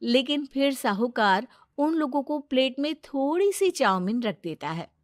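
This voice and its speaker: A woman's voice: high voice, big pitch swings, a little slow, no echo, studio quality. A woman narrator reading a scripted moral story.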